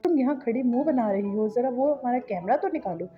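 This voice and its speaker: A woman with a Pakistani Urdu accent voicing a stubborn, loud, bossy middle-aged father in a cartoon story. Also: on the high side, lively intonation, a little fast, phone-quality sound, faint music behind, lightly acted. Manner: blustering, scolding.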